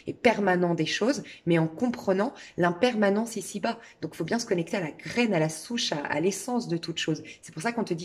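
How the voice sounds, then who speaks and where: A middle-aged woman speaks softly and intimately as she gives a tarot and crystal reading, addressing the listener directly. Her voice sits a little low and sounds husky. She talks in a relaxed, meandering way, full of small fillers and restarts. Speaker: tarot reader.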